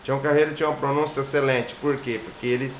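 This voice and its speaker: A man's voice: mid-range voice, steady tone, fast talker. A Brazilian man giving a singing lesson, explaining step by step and demonstrating vowel sounds. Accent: Brazilian Portuguese. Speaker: singing and viola teacher. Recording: echoey room, dull lo-fi sound, faint hiss.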